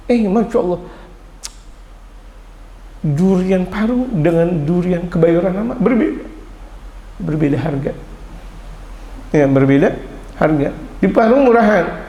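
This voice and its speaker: A man preaching a sermon to his congregation, mixing Arabic recitation with lively, playful explanation. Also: high voice. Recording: echoey hall with long reverb.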